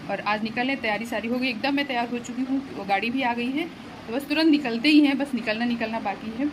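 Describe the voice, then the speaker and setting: A woman's voice: on the high side, quick pace. Chatty young woman vlogging on a phone. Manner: chatty, pleading and laughing with family. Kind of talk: casual vlog chat. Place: home, moving around while packing. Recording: phone recording with noisy background.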